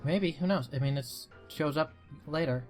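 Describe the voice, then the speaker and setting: A man's voice: fairly high pitch, moderate pace, soft background music. A man hosting a let's play, chatting casually and loosely over the game with plenty of fillers. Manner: loose, hesitant, full of fillers. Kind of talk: casual gaming commentary.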